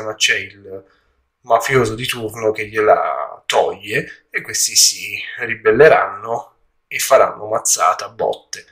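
Male film reviewer, lowish pitch, casual, halting delivery, searching for words, slightly echoey room. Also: sharp tone. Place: indoor room at home during a move.

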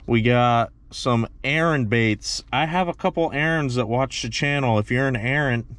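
Young man, casual vlog chat, joking, inside truck, dashboard camera, medium pitch, faint noise. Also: normal speed, fairly bright tone. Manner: chatty and joking. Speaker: fishing vlogger.

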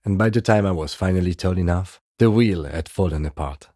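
A male actor voices a composed, dry police detective in video game dialogue. His low-pitched voice has a soft husky edge, his delivery is measured, restrained, and matter-of-fact, and there's no echo.

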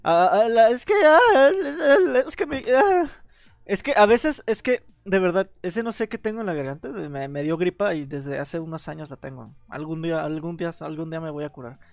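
A man with a Mexican accent chatting excitedly on a gaming livestream while he has a cold, often stammering over repeated words. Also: sits high, normal speed, gravelly, no echo, faint music behind. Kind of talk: casual gaming livestream chat.

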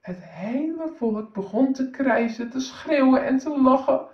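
A teacher reading a children's story aloud with slow, expressive storytelling, recorded in a roomy, slightly dull sound. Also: female voice, high voice.

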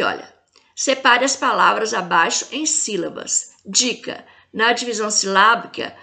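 Brazilian woman teacher for a kids' video lesson: fairly high, bright voice, careful spelling of each letter. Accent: Brazilian Portuguese. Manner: spells out letters and stresses each word for the children. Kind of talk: slow video lesson for young children.

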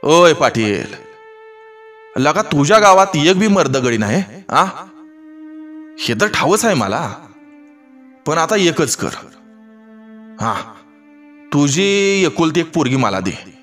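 A man's voice: on the high side, very animated, takes it slowly, pauses often, soft background music, pitched above the performer's own voice, full character voice. Male reader voicing a brash, jeering village strongman in a told folk story; sneering, raised voice. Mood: mocking taunts. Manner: taunting, swaggering, loud. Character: boastful mocking male village wrestler, arrogant.

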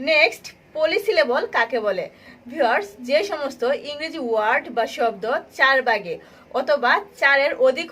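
A woman with a Bangladeshi accent teaching a beginners' grammar lesson, explaining clearly and repeating points while speaking directly to viewers. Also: high voice, a bit bright, slight background noise. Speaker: online teacher.

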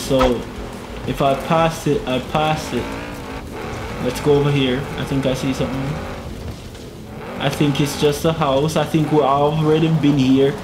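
A young gaming YouTuber gives casual, chatty gameplay commentary over a gaming headset from a small room at home. Medium in pitch, he mutters to himself and laughs as he drives.

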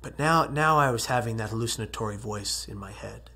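A man's voice: lowish voice, a little fast, vocal fry, bright, forceful tone, husky. A man giving an earnest personal testimony talk, moving between near-whispered passages and strong emphatic rises. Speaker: speaker telling his survival story.

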